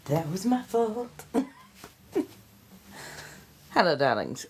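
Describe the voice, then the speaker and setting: With a lowish voice that swings widely in pitch, she speaks slowly over a faint hiss or hum. She's hosting a casual livestream, eating and sipping as she lavishes viewers with theatrical pet names.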